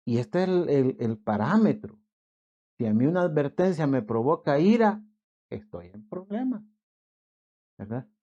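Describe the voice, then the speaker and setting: A male pastor with a Salvadoran accent giving a conversational sermon, acting out short everyday scenes in quick voices. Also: medium pitch, warm tone, lo-fi sound. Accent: Salvadoran Spanish. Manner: conversational preaching, acts out little scenes in quick put-on voices.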